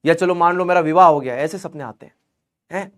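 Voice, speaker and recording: A man's voice: a little high, fairly quick. A young man teaching an online chemistry class in a chatty, joking way, mixing explanations with banter aimed at students.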